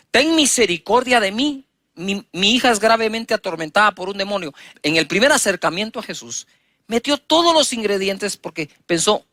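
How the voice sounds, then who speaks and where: A male pastor preaching a sermon, reading scripture aloud and retelling it with dramatic swings in emphasis and loudness. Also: sits high, no echo, clean studio sound.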